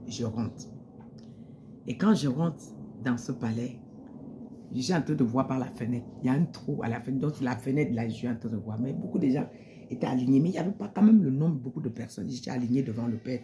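A woman's voice: rumbling low, background noise. A woman giving an emotional spoken testimony in church, repeating phrases and sometimes dropping to a near-whisper.

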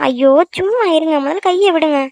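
A young woman voicing a jealous, quick-tempered girlfriend in a cartoon, scolding and sulking fast. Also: very high-pitched, a little mellow, no echo. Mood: sulky, scolding. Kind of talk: cartoon voice acting.

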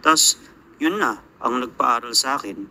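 Bright-voiced Filipino man narrating earnestly. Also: medium pitch, unhurried, a little hiss or hum. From Philippines. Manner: earnest, prayerful storytelling. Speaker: overseas worker telling his story. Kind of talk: reflective voice-over narration.

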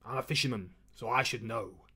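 Brief: man doing a low gruff old sea captain, slurred around a pipe, quiet. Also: brisk, heavily acted. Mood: smug. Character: gruff older male fisherman captain, grinning, superior.

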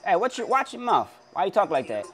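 A young man with a high-pitched voice talks fast, his pitch swinging hugely, with crowd noise in the background. Indoors in a small pink-walled bedroom, he teases strangers on random video chat with mock-tough, gym-bro boasting.

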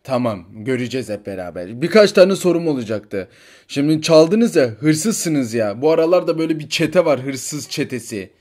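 A man's voice: mid-range voice, big pitch swings, normal speed, a little mellow. A man voicing a stern male police officer in a toy figure story, giving curt, bossy orders. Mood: suspicious.

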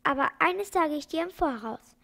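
A woman voicing a kind, calm old male doctor in a read-aloud children's storybook, speaking firmly but gently. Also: high-pitched, moderate pace, vocal fry, pitched above the performer's own voice, exaggerated voice. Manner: calm, firm.

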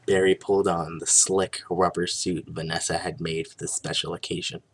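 A young adult man giving a hammy, mock-serious dramatic reading of a story, with drawn-out theatrical pauses. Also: sits low, level tone. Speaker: reader of a fan fiction story. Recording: noticeable background noise.

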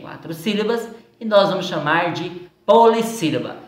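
A woman teacher with a Brazilian Portuguese accent going over exercises in a recorded lesson, slow and patient, stretching words out syllable by syllable. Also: fairly low pitch, expressive. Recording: echoey room sound.

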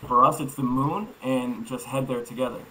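A man's voice: mid-range voice, fairly even intonation, normal speed, pushed and bright, rough recording. A man in his thirties from Iraq, raised in Florida, answering interview questions fluently and upbeat over a video call. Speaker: guest developer. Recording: faint ambient noise.

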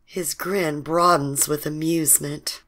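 A woman narrating a first-person romance audiobook in an unhurried, breathy, sensual reading. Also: deep voice, fairly even intonation, a bit bright.

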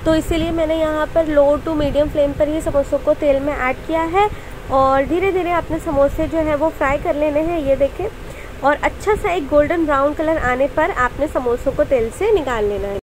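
A woman's voice: sits high, normal speed, a little mellow, slight background noise, rough recording. A woman hosting a cooking channel, narrating a recipe step by step in a voice-over with friendly tips for viewers.

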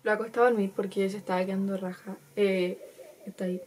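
A woman's voice: mid-range voice, flat delivery, fast talker, darkish tone, slight background noise. A fifteen-year-old girl with a Chilean accent, telling a personal story to camera in a casual, chatty way with lots of laughs. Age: teenager, 15. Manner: chatty, laughs often, acts out quotes. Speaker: vlogger.

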